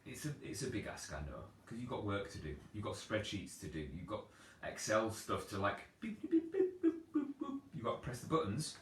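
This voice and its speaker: Rambling trainer, echoey room. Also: male voice, fairly low pitch, very animated, brisk, few pauses, a bit bright. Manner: rambling, chatty and self-deprecating. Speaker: personal trainer. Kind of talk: casual live Q&A advice. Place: at home on a sofa. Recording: echoey room, distant from mic, faint background noise.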